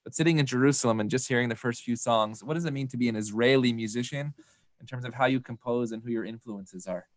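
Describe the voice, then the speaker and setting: A man's voice: medium pitch, quick pace, dry recording, clean studio sound. A man hosting an interview, asking long, rambling questions with fillers. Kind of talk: live online interview.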